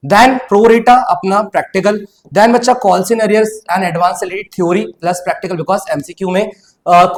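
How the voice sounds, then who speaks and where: A man giving an exam-prep accountancy lecture, mixing English terms into his Hindi and calling his students "bachcha". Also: high-pitched. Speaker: accountancy teacher.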